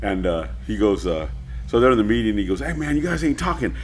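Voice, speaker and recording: A man's voice: on the low side, sing-song, fast talker, slight background noise. A man co-hosting a podcast in casual chat, laid-back, swearing a lot and saying dude and bro. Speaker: podcast co-host.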